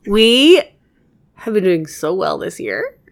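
Gravelly, lively-voiced woman co-host. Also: mid-range voice. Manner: playful, teasing, quick reactions. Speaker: podcast co-host. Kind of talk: casual chat.

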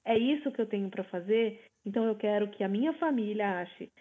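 A woman's voice: medium pitch, fairly quick. A woman co-hosting a podcast from home, talking in a reflective, earnest way. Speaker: podcast co-host. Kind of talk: casual chat. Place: at home in the United States. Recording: tinny phone-like line.

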